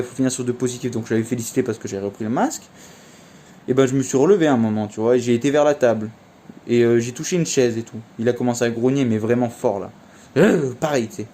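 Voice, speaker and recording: Chatty young man with a mellow voice. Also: mid-range voice, slight background noise. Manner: chatty, slangy, many fillers like "en fait". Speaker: vlogger. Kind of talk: casual storytelling vlog.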